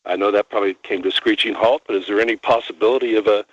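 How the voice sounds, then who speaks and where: A man's voice: lowish voice, steady tone, very fast, no echo. A man from Northern California calling in over the phone, friendly and hesitant, with lots of fillers. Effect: heard over the phone. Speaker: caller. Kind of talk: call-in chat. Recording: muffled phone line.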